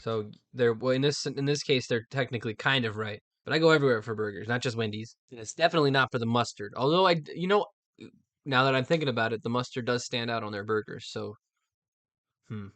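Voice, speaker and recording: Male American host, mid-pitched, rambling casual commentary with dry humor, recorded close with no room sound. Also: quick pace, fairly bright tone, no room sound. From United States.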